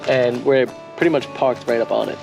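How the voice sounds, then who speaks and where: A man's voice: mid-range voice, a little fast, vocal fry, low-quality recording. A man with a Brooklyn accent chatting casually and playfully to the camera as a travel vlog host. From Brooklyn, New York. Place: outdoors. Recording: loud music, outdoor vlog sound.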